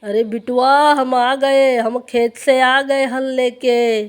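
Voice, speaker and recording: A woman's voice: sits high, fairly even intonation, takes it slowly, clear, resonant tone. A woman voicing a tired, patient village farmer father with rustic speech in a doll play story. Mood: explaining.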